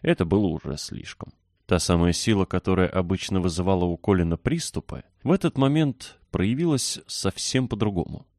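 Man, audiobook narration, deep voice, dry close recording. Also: fairly quick, darkish tone, no room sound. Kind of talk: scripted narration.

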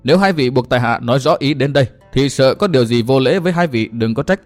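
A man's voice: mid-range voice, animated, quick pace, faint music behind, close to an everyday voice. A man voicing a proud young swordsman who speaks coldly, tersely and formally.

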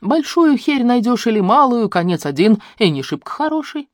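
Woman voicing old village granny, sly and folksy, lively sing-song delivery, dry close sound. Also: fairly high pitch, moderate pace, dry recording, voice pushed up.

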